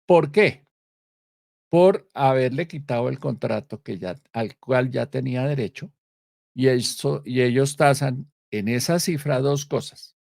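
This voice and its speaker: Man, political commentator, live news commentary, gravelly, emphatic, pauses and restarts. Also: mid-range voice, darkish tone, dry recording, studio quality. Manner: emphatic, stresses key words, frequent pauses and self-corrections.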